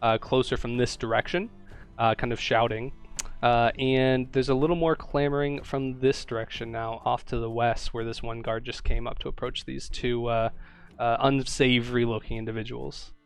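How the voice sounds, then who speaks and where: A man running a tabletop game as game master, describing scenes in a relaxed, hesitant way with many fillers. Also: medium pitch, normal speed, smooth, faint music behind.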